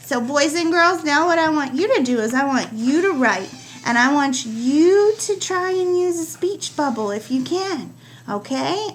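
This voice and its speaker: A woman teacher giving a writing lesson to young children, slowly stretching out the sounds of words. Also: high-pitched, a bit bright.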